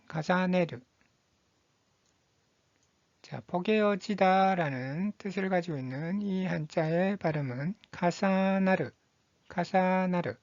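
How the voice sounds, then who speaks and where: A woman teaching Japanese vocabulary, reading each word slowly and repeating it twice in a patient, methodical drill. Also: on the low side, darkish tone, no echo, lo-fi sound. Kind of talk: slow, deliberate vocabulary drill.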